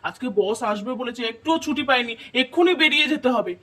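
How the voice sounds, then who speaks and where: A performer voicing a hurried younger brother who coaxes and pleads with his sisters in a doll puppet show. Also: high voice, animated, a bit bright. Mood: pleading.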